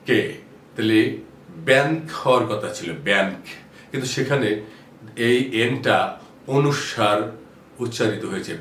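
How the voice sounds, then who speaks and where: A man's voice: mid-range voice, fairly bright tone. A man explaining how English letters are pronounced, patiently repeating example words. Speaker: English teacher. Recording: roomy echo, distant mic, faint noise.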